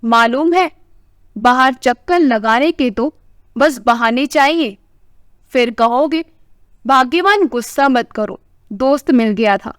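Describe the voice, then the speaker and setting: A woman voicing a sharp-tongued older wife who scolds her husband with a caring side, in a family story. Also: high-pitched, animated, slow, pauses often, no room sound, clean studio sound. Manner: scolding, tart.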